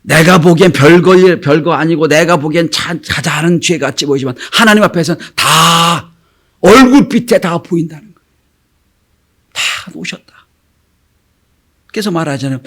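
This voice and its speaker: With a slightly high voice, a moderate pace and long pauses, a middle-aged man preaches as a pastor. His storytelling is lively: he performs the quoted voices of his characters and occasionally sinks to a whisper to stress a point.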